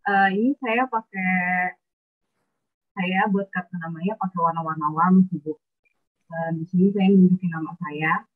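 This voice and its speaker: A woman's voice: fairly low pitch, steady tone, measured pace. Fields: Sex: woman. Role: student. Style: hesitant online class presentation. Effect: faint and choppy, phone held away. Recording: thin phone-like call audio. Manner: hesitant, many filler sounds. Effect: faint, choppy voice as if the phone is held away on a video call. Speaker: student presenting her work.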